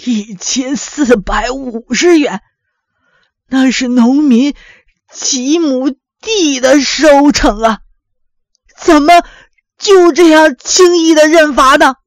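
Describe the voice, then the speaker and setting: A woman voicing a stern elderly rural father who scolds his children slowly and emphatically. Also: high voice, dry recording, clean studio sound, pitched above the performer's own voice. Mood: indignant. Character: stern older rural father, indignant and thrifty.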